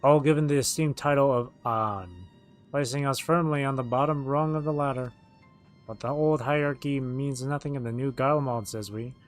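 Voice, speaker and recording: A man with a mid-pitched voice reads video game dialogue aloud on a stream, acting out the lines as he goes. Music plays softly behind him. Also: fairly even intonation, moderate pace. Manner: acts out the written dialogue as they read.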